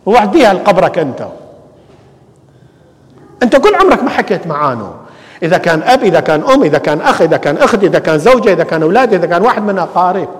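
Animated Iraqi priest preaching in reverb. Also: male voice, a little high. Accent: Iraqi Arabic. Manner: animated preaching with rhetorical questions and repetition. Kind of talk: sermon. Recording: long church reverb.

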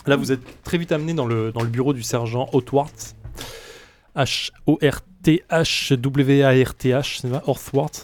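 Game master guy narrating a tabletop rpg, lots of uh's, mid-pitched voice. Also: normal speed. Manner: filler-heavy, explanatory.

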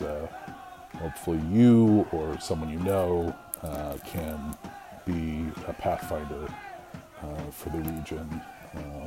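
A man giving a casual, earnest spoken message as a sports supporter, hesitant and measured with many pauses. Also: extremely low pitch, dark tone, slight background noise. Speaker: football supporter and commentator.

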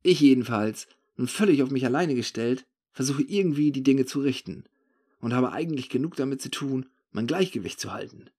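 Male first-person narrator, wry and conversational, mid-pitched. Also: expressive, a little fast, a little mellow, breathy edge.

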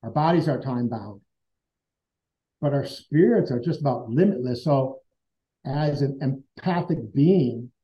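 Speaking a little slowly in a mid-range voice, this man is a guest in an interview, sharing a personal story in an earnest, conversational manner. He performs the remembered dialogue as he goes, and the lo-fi audio sounds dull.

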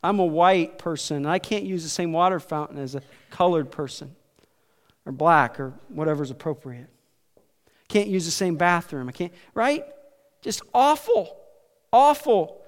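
A man's voice: on the high side, measured pace. A male preacher giving a sermon in a casual, conversational storytelling way, often checking in with "like" and "right?". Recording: echoey hall with long reverb.

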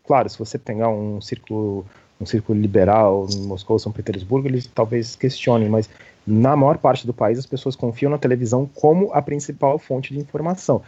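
A male radio host leading a discussion, explaining things in a measured way. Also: medium pitch, fairly even intonation, mellow, breathy edge, no echo, dull audio.

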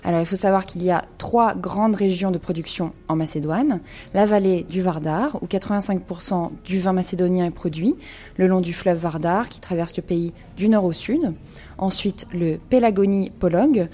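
With a lowish, warm voice, a woman wine columnist gives an informative radio segment on wine. She hesitates a lot, filling gaps with "euh".

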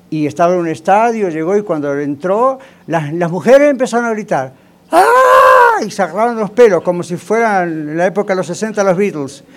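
A man's voice: high voice, a little mellow. A male pastor preaching a sermon in a conversational way, often asking the congregation rhetorical questions.

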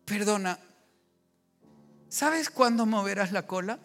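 A man who is a pastor, preaching a sermon at a family conference, moving from lively, loud storytelling to a hushed, slow prayer. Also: high-pitched, soft background music.

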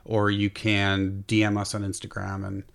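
Low, even-toned man hosting a podcast. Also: moderate pace, gravelly, clean tone. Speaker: podcast host. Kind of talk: casual chat.

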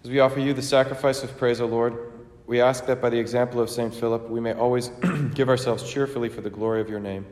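Playing a priest at Mass, this man has a mid-range, slightly mellow voice and chants liturgical prayers solemnly at a quick clip, with fairly even intonation and hardly any pauses. The big church gives a long, cathedral-style echo, and there's a little background noise.

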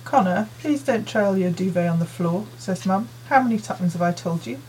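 A woman voicing a busy working mother who fusses and hands out chores in a brisk, nagging way, read as an audiobook character. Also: mid-range voice, animated, darkish tone, slight background noise, close to an everyday voice, low-quality recording. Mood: bossy. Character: busy, fussing working mother in her forties.

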